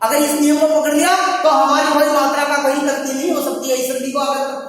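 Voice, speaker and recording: A woman's voice: sits high, flat delivery, fairly quick. A woman teaching a grammar lesson, asking herself questions, repeating words and reassuring the class that it is easy. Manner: reassuring, keeps saying it is easy. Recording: very echoey hall, far from mic, faint noise.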